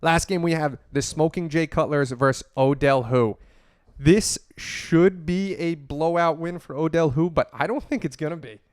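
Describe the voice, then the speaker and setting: A man's voice: a little high, normal speed, no echo, studio quality. A man co-hosting a fantasy football podcast, chatting casually with crude, joking banter. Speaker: podcast co-host. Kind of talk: casual chat.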